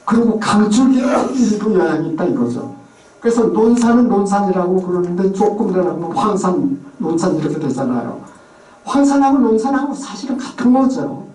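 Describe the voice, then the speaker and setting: A man with a high, animated, warm voice speaks a little fast while giving a chatty, informal lecture on place names. He regularly imitates regional pronunciations. Echoey room, distant microphone.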